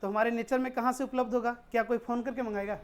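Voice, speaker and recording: A woman's voice: fairly high pitch, fairly even intonation, racing, a little mellow. A woman teaching a chemistry lesson who keeps asking rhetorical questions and answering them, with English technical terms mixed in. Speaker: science teacher. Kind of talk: classroom-style chemistry lesson.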